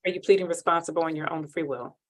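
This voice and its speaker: Brisk low-voiced woman judge, courtroom recording. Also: fairly even intonation. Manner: brisk, formal, reads procedure by rote. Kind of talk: formal court proceedings. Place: district court hearing.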